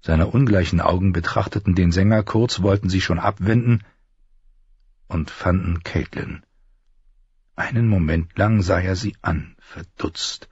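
A man narrating an audiobook in an expressive storytelling manner, doing all the voices. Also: low-pitched, a little slow, husky, no echo, muffled recording. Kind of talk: scripted narration.

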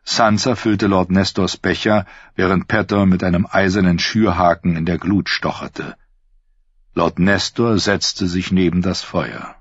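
Deep husky male audiobook narrator. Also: steady tone, unhurried, dry recording, dull audio. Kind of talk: scripted fantasy narration.

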